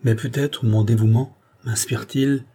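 A man's voice: medium pitch, fairly even intonation, moderate pace, warm tone, lightly acted. A man reading aloud, voicing a humble, devoted servant who speaks deferentially and earnestly.

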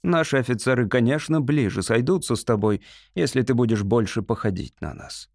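A man reading an audiobook, voicing a scheming male alien general in a raised, smooth, unhurried voice. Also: mid-range voice, darkish tone, no room sound, studio quality, lightly acted. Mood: courteous. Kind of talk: audiobook character voice.

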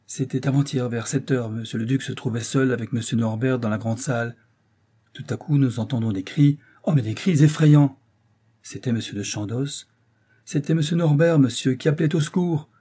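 A man's voice: mid-range voice, moderate pace, dark tone, slightly rough, lightly acted. A man voicing an old, distressed servant of a duke, speaking in an agitated, fretful way in an audiobook reading.

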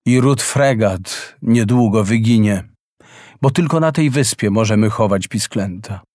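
A wise, gentle mother frigate bird speaks with earnest calm in a storybook tale, as a man puts her on. The voice sits a touch higher than his plain reading and moves unhurried. The recording is close and dry. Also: no room sound, close to an everyday voice.

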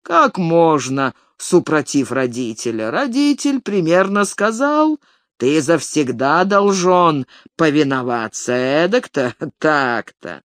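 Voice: medium pitch, very animated, takes it slowly, a bit bright, dry recording, studio quality. A reader voicing a tipsy peasant brother who jeers in a singsong, sanctimonious way. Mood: jeering. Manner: jeering, singsong.

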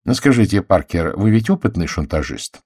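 A man voicing a shrewd, courteous middle-aged detective who questions in a gentle, self-assured way, in an audiobook. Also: low-pitched, animated, normal speed, husky, no echo, clean studio sound. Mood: probing. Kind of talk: audiobook character voice.

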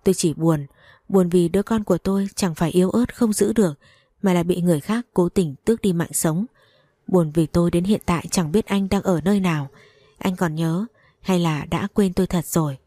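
Low mellow woman reading a novel. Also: a little fast, no room sound, clean studio sound. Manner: emotional, dramatic storytelling. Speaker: audiobook reader. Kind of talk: first-person novel narration.

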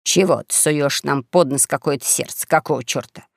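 A man voicing a gruff, hot-tempered bald old swindling preacher who grumbles and curses readily. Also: on the high side, normal speed, no room sound, clean studio sound, pitched below the performer's own voice. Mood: angry.

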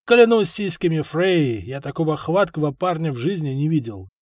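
A man voicing a cunning bearded merchant who speaks with icy, calculating calm. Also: a little high, normal speed, dry recording, studio quality.

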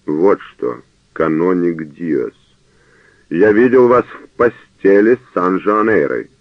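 A man voicing a cornered young male priest who talks with feigned calm and snaps back, on a narrow phone-like radio recording. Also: low voice, slow, no room sound, exaggerated voice. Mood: defiant.

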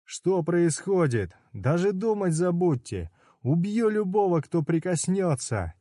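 Brief: a male reader plays a frantic hot-tempered man in agony, yelling high and shrill, storybook reading, dry sound. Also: very animated, slow pace, no room sound, exaggerated voice.

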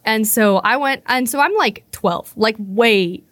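A young woman co-hosting a casual podcast chat, telling animated stories and laughing often. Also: a little high, unhurried, no echo. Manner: lively storyteller, laughs often, acts out quotes. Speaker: podcast co-host.

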